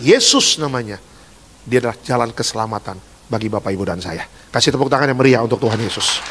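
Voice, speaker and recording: Lively pastor in a reverberant hall. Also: male voice, mid-range voice, slight background noise. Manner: jokey, swings from hushed asides to loud exhortation. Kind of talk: lively sermon. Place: large church hall.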